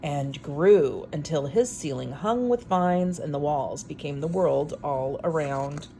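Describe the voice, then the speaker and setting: A woman reading a picture book aloud in an expressive, unhurried way, with wry, casual asides. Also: low voice, a little hiss or hum.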